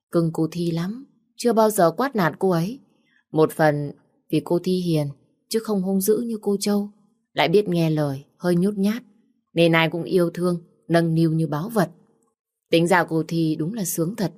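A woman's voice: lowish voice, a little mellow, lightly acted. A woman voicing a humble young female maid in a story reading, talking respectfully and at length. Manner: chatty, respectful.

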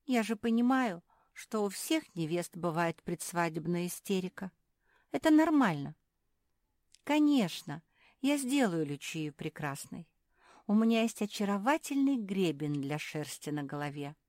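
A woman's voice: on the low side, sing-song, measured pace, darkish tone, no echo, studio quality, voice pushed up. A woman voicing a kindly, gracious female pug who is cheerful and easily delighted.

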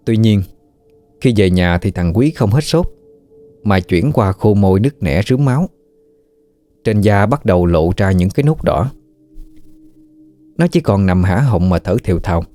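A man narrating a ghost story in a steady, measured way. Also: on the low side, soft background music.

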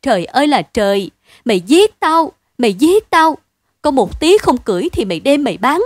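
A woman's voice: sits high, sing-song, normal speed, no echo, clean studio sound, voice pushed up. A woman voicing a panicked peasant wife who wails and shrieks at her husband. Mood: frantic. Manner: frantic, wailing.

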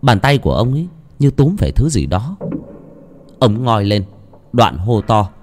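A man narrating a horror story in a dramatic, expressive way. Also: lowish voice, a little slow, slight background noise.

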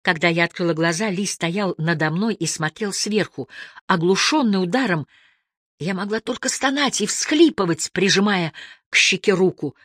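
A woman reads a first-person story as an audiobook narrator, her expressive delivery shifting between hushed and lifted tones. Her voice is fairly low and moves at normal speed, recorded in studio quality with no echo.

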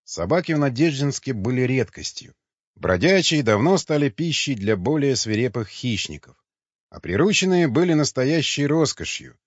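A man narrating an audiobook in a dramatic, expressive way. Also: mid-range voice, normal speed, no room sound. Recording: dull, slightly lo-fi dry recording.

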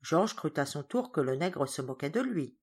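Brief: woman narrator, low-pitched, very lively intonation, expressive storytelling. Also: normal speed, husky. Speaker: audiobook reader. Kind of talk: scripted narration.

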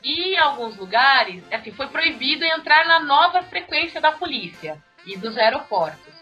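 A Brazilian woman casually telling newsroom anecdotes, acting out the dialogue with lively jumps in her voice. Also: normal speed. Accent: Brazilian Portuguese. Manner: animated, acts out dialogue with sharp pitch jumps. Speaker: newsroom radio monitor. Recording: muffled audio with faint music.

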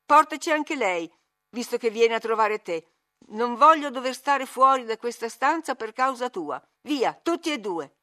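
A woman voicing a rough young male farmhand who turns furious, reading a storybook aloud. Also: medium pitch, normal speed, lightly acted. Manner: shouting in rage.

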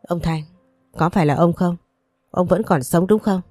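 A shocked middle-aged wife, read by a woman narrator stammers and then accuses, in a low, dark tone. The sound is dry and close over faint music. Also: moderate pace, dry recording, natural voice. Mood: stunned.

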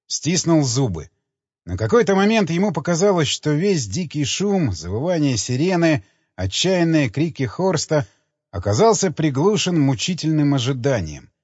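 Lively, husky male audiobook narrator. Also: fairly high pitch, dry recording, dull audio.

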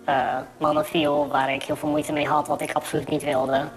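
A young man talks in a quiet, halting, reflective way, his voice disguised through a deep pitch shift. The distortion gives it a gravelly texture, and soft background music runs underneath the whole recording. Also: little pitch movement. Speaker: interviewee, former patient. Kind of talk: recorded interview fragment.

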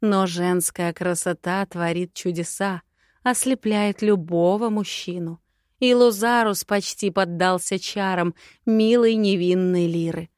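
A woman's voice: on the low side, measured pace, a little mellow, smooth, no echo, clean studio sound, lightly acted. A woman voicing a gloating, drawling witch. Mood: mocking. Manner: drawling, sing-song taunts. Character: scheming female witch, mocking and cruel. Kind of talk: audiobook character voice.

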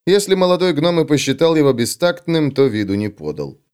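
A man reading an audiobook aloud in an expressive, scripted narration. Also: on the high side, a little fast, smooth.

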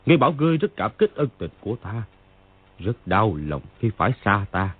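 A man voicing a grief-crazed old stranger in an audiobook, brooding and bursting into angry shouts, with a raspy voice. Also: on the low side, very animated, fairly quick, no echo. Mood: raging. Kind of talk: audiobook character voice. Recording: tinny phone-like, dry.

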